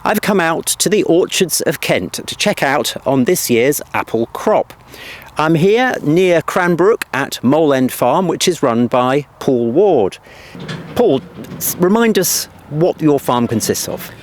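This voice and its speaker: A man's voice: on the high side, big pitch swings, a little slow, slight background noise. A man hosting a radio news feature, asking questions in a conversational way.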